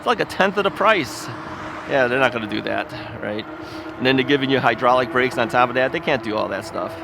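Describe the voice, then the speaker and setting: Vlogging casually from his ebike on a city street, an American man rambles in a folksy way, dropping lots of filler words and chuckling frequently. His mid-range voice is a little fast and creaky with lively intonation, and the outdoor recording carries traffic and street noise.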